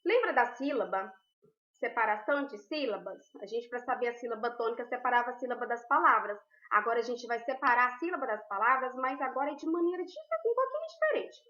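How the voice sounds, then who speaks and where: A woman's voice: a little high, lively intonation, fast talker, sharp tone. A woman teacher giving a recorded class, explaining patiently step by step and checking in with her students often. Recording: roomy, dull lo-fi.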